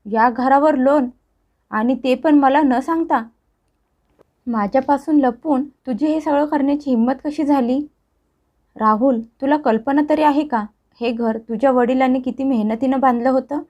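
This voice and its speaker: A woman's voice: high voice, normal speed, lo-fi sound, close to an everyday voice. Angry old mother-in-law, as a woman puts her on. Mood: furious scolding. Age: older. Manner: harsh, accusing, shouting.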